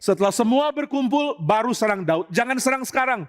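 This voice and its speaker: A man's voice: very high-pitched, lively intonation, fairly quick, in a large hall, voice pushed up. A man plays a crafty advisor who is secretly loyal to the old king. He speaks in a coaxing, persuasive way. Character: loyal male friend posing as advisor, crafty.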